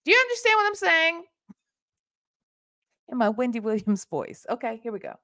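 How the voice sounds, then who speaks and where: A woman in her forties, originally from Ohio but speaking with a Southern US accent, hosts a reaction video from a small room at home. Her slightly high voice moves at a moderate pace as she delivers emphatic, sassy, animated commentary on a played call. She talks into a desk microphone alongside a webcam.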